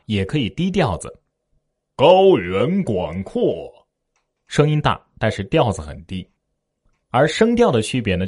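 A man's voice: lowish voice, darkish tone, breathy edge, no room sound, clean studio sound. A man teaching Mandarin pronunciation, explaining the tones and demonstrating them aloud in repeat-after-me drills. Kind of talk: spoken lesson with demonstrations.

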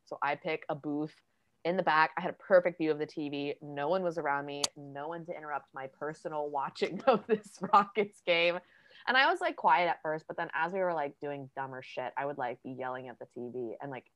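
A young woman co-hosting a podcast, telling a story in a casual, animated way and swearing freely. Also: deep voice, highs cut off. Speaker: podcast co-host. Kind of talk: casual chat.

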